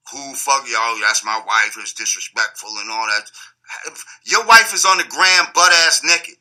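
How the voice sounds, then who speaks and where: A man's voice: mid-range voice, sharp tone, low-quality recording. A man speaking as an interview guest in casual, opinionated talk, blunt and mocking, swearing freely.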